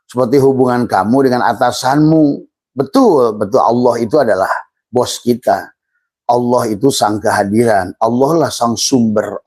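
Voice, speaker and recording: A middle-aged man giving an informal religious lecture, speaking in a slow, halting way with many fillers and repeated words, calling his listeners friends and referring to himself in the third person. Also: medium pitch, darkish tone, slightly rough, dry recording. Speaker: Islamic mysticism teacher.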